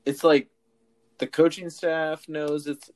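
A man co-hosting a casual sports podcast, opinionated and teasing with quick remarks. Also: fairly high pitch, level tone, darkish tone. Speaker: podcast co-host.

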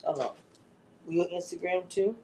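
A woman's voice: fairly low pitch, steady tone, dark tone, slight background noise, poor audio. A woman in her forties chatting casually with viewers on a livestream, drawing out her words. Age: 40s. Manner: chatty, drawn-out, talks to viewers. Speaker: livestream host.

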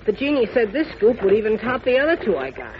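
A man playing an eager, naive young cub reporter in a 1940s radio drama, boyish and excitable. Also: sits high, fast, crowd noise. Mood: eager, curious. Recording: dull, noisy old radio recording.

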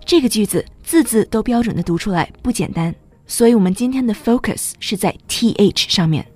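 Patient woman teacher narrating a lesson in a mid-pitched voice over faint music. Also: a little fast, darkish tone, husky. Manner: patient, explains step by step. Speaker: English teacher. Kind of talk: scripted bilingual narration.

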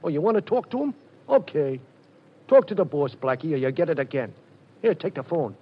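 A man imitating a rough, pushy gangster henchman with raspy, slangy tough-guy talk in a 1940s radio drama. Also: fairly high pitch, very animated, fairly quick. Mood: pushy, urgent. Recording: muffled old radio recording.

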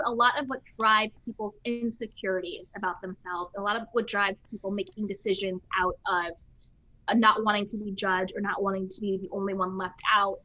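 A woman's voice: medium pitch, bright, forceful tone, no echo. A woman hosting a podcast in casual conversation, talking emphatically and acting out the voices she quotes. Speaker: podcast host. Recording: slightly dull lo-fi sound.

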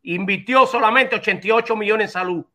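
A man's voice: sits high, a little fast, sharp tone. A man debating a podcast host, insistent and pressing his point with figures. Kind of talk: heated live debate.

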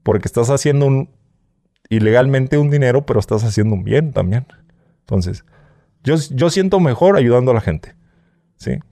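A man's voice: medium pitch, lively intonation, moderate pace, long pauses, mellow, no echo, clean studio sound. Candid Mexican man telling stories. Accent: Mexican Spanish. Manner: candid storytelling, often asks "¿sí?" and "¿no?". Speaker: interview guest, former smuggler. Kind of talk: casual interview.

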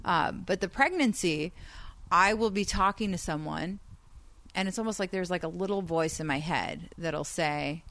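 A woman from Iran, a guest on a podcast, talking casually in a soft, hesitant way with many restarts. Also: fairly low pitch, moderate pace. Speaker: podcast guest, comedian and psychic reader.

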